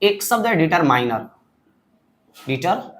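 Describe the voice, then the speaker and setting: A man teaching English grammar in a lecture, explaining step by step and often asking the class if it is clear. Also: on the high side, unhurried, a little hiss or hum. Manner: lively explaining, asks frequent checking questions.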